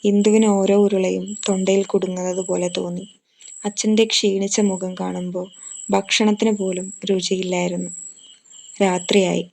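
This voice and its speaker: Gravelly-voiced woman storyteller. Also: mid-range voice, little pitch movement, moderate pace, warm tone. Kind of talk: scripted story narration.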